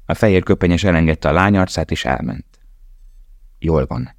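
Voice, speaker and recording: A man reading a novel aloud in a calm, measured way. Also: low voice, dry recording. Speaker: audiobook narrator. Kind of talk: scripted narration.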